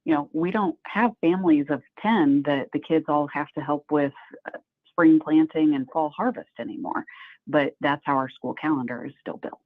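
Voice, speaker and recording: An American woman, a school superintendent, explaining things in a measured way in a phone interview. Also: deep voice, dry recording. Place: on the phone to a radio show. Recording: tinny, band-limited phone line.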